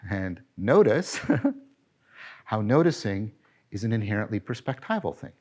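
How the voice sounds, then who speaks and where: Lecturing on philosophy at a measured pace, a middle-aged man uses a lowish voice. He stays animated and emphatic, regularly correcting himself and asking rhetorical questions.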